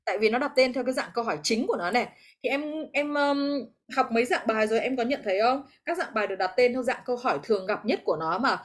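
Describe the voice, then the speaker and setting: Her voice fairly high and her speech very fast, a Vietnamese-accented woman teaches English to students on a video call. She explains things patiently and keeps encouraging them.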